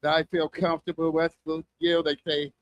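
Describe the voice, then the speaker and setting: A man's voice: on the high side, level tone, normal speed, dry recording, lo-fi sound. An older man doing self-deprecating, crude stand-up comedy, with a strong lisp and wet, whistling s sounds. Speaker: stand-up comic. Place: live comedy open mic show.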